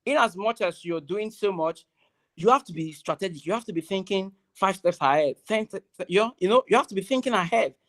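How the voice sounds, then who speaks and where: An animated young adult with a Nigerian accent speaks briskly in a mid-range voice, urging graduates on at their ceremony. The motivational speech is emphatic and loud, circling back to key phrases again and again.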